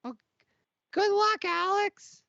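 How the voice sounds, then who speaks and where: A man's voice: very high-pitched, steady tone, takes it slowly, creaky, sharp tone, dry recording, pitched above the performer's own voice, heavily acted. A man voicing a nervous, chatty young male podracer who rambles and stammers. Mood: friendly. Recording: dull lo-fi audio.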